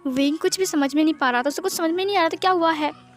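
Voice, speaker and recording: High-voiced woman narrating a fan story. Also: fast talker, soft background music. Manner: plain, even retelling with small slips.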